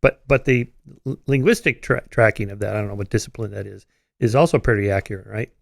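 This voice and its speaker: A man's voice: on the low side, steady tone, fast, vocal fry, dry recording. A man from California hosts a podcast interview, asking curious follow-up questions and stumbling over a word now and then. His voice is recorded dry and close, with almost no room sound. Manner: curious, asks follow-up questions, stammers a little. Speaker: podcast host.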